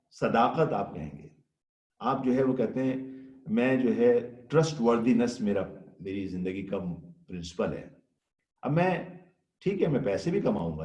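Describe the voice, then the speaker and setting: Man, sermon, animated storytelling, mid-pitched voice, echoey hall. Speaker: Islamic scholar giving a Ramadan lecture. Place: Ireland. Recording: echoey room.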